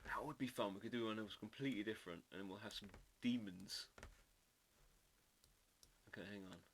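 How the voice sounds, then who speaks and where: A man's voice: lowish voice, a little fast, slight background noise. A man hosting a live drawing stream, chatting casually and playfully while trying out foreign words. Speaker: livestream artist host.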